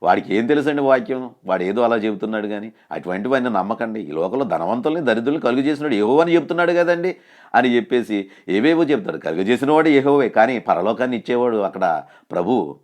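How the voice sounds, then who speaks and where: A man preaching a sermon, asking his listeners direct questions, rising loud for quoted scripture and dropping to a low hush for pleas. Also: lively intonation, quick pace.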